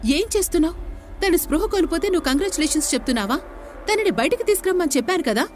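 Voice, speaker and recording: A woman's voice: very high-pitched, lively intonation, fast, mellow, slight background noise, pitched above the performer's own voice. A woman voicing a stern young man who runs a haunted house, scolding his worker urgently.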